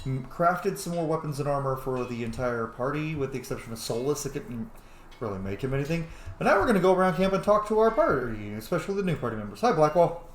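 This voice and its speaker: A man with a fairly high, sing-song voice talks fast while hosting a gaming series, offering casual, informal let's-play commentary and rambling asides. The recording has an echoey room sound and faint noise.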